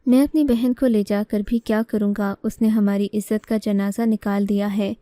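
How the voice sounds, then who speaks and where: A woman voicing a young man who has kidnapped a girl, speaking in a flat, measured way and chewing each word. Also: mid-range voice, dry recording, clean studio sound, close to an everyday voice. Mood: cold menace. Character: angry young man, the kidnapper, cold and threatening.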